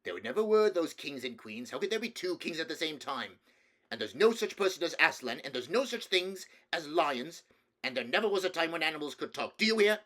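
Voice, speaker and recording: A man's voice: big pitch swings, a little fast, pushed and bright. Man acting out a stern, domineering storybook king. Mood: thundering anger. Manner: brusque, condescending, booming commands. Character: stern, domineering, irritable middle-aged king, an uncle.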